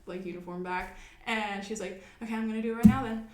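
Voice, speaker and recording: A young woman co-hosting a podcast, telling a workplace story in a lively, animated way with frequent laughs. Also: medium pitch, fast talker. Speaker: podcast co-host. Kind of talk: casual chat. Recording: echoey room.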